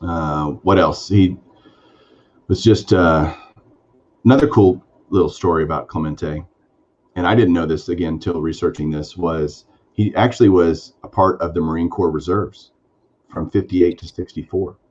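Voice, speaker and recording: A man with a deep, slightly mellow voice speaks at a moderate pace in a steady tone, over lo-fi sound. Co-hosting a sports card podcast, he rambles casually and enthusiastically, using lots of fillers.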